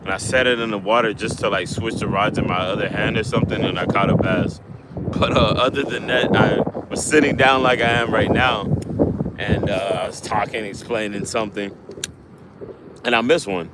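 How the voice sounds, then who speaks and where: A man's voice: on the low side, normal speed. A man chatting casually on a live stream while fishing outdoors, rambling with lots of fillers and restarts. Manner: rambling, laid-back, many fillers and restarts. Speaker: livestreaming angler. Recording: wind noise on the mic outdoors.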